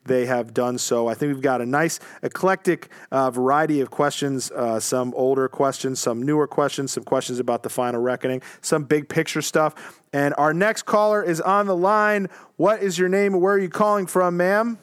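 A man's voice: fairly high pitch, normal speed, smooth, no echo, studio quality. A man co-hosting a podcast, chatting casually and joking with callers in long run-on sentences. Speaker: podcast co-host.

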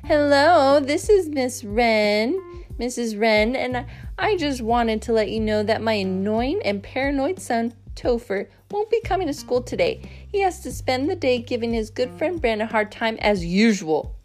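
A woman voicing a cocky schoolboy who mocks a mother in a high, squeaky put-on voice. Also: animated, a little slow, a little mellow, soft background music. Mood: mocking falsetto. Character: cocky sarcastic schoolboy doing a squeaky mom voice.

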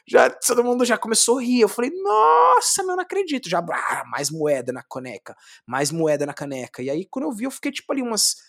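Animated Brazilian man swearing as he tells his story. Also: on the high side, fast, few pauses. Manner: animated, swearing, acts out his own past words. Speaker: street clown telling his story. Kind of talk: casual interview storytelling.

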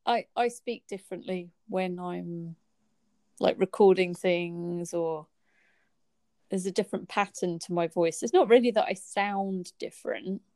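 A woman co-hosting a podcast in casual chat, quick to laugh. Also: lowish voice, dark tone, no echo. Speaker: podcast co-host.

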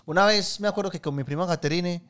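This podcast co-host is a slangy Paisa man from Colombia with a high, smooth voice and a fast delivery. In casual chat he tells stories with animation, using plenty of slang and swearing freely.

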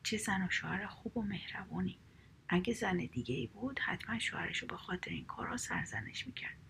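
A man's voice: high-pitched, gravelly, bright, forceful tone, full character voice. A woman voicing a skeptical male farmer in a whispered role-play, blunt and doubting. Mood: doubtful whisper.

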